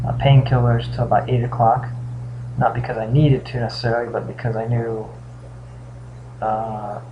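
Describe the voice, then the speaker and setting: A man giving a casual, halting video update as a patient, sounding weak and drained the day after surgery. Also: mid-range voice. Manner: halting, pausing often mid-thought. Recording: dull lo-fi sound with faint hum.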